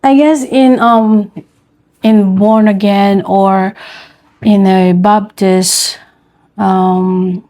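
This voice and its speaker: A woman's voice: mid-range voice, steady tone, very slow, mellow. A woman from the Philippines with a Filipino accent, co-hosting a vlog, asking her partner questions and slipping into Tagalog now and then. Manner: inquisitive, switches into Tagalog. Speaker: vlog co-host. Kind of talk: casual chat, interviewing partner.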